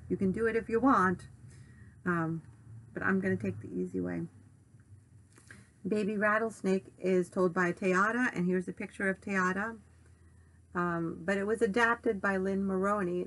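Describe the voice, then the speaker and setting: A woman's voice: medium pitch, fairly bright tone, slight background noise, rough recording. A woman music teacher giving an online lesson for children, patient and instructive with some "um"s.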